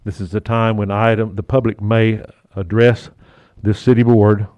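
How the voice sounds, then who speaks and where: A man chairing a city council meeting as mayor, his voice muffled through a face mask, talking haltingly with fillers and the odd joke. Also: lowish voice, level tone, a little mellow, no room sound. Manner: halting, with fillers and restarts, lightly joking.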